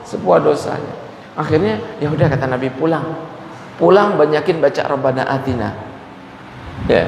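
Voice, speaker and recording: A man's voice: high-pitched, vocal fry. A middle-aged man preaching a storytelling sermon in casual slang, chuckling often. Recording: echoey hall recording with faint room noise.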